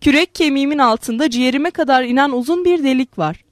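A woman reading a story aloud voices a badly wounded young man who stays calm and resigned. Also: high-pitched, fast talker, no room sound, studio quality, lightly acted. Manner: calm, steady.

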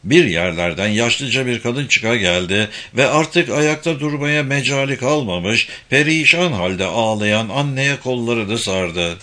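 A man narrates an audiobook, his voice bright and crisp. He reads in a measured, steady way with a mid pitch. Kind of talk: scripted narration.

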